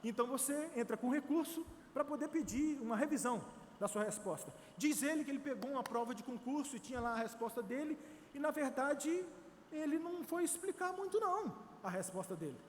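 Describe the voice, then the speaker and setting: Brazilian male missionary preaching, very high voice, animated and exhorting, church reverb. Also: brisk, slight background noise. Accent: Brazilian Portuguese. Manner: animated, acts out quotes, exhorts the congregation. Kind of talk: sermon.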